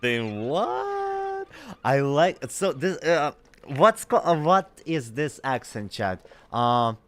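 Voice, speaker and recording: A man's voice: medium pitch, animated, slow pace. A man giving casual, chatty commentary while playing a game for his chat. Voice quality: chatty, giggly reactions. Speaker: gaming streamer. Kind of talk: casual let's-play commentary.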